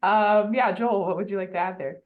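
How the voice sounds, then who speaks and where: A woman's voice: mid-range voice, fairly even intonation, fairly quick. A woman hosting an online panel, affirming and encouraging, heard over a video call. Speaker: panel moderator. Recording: tinny narrowband video call audio.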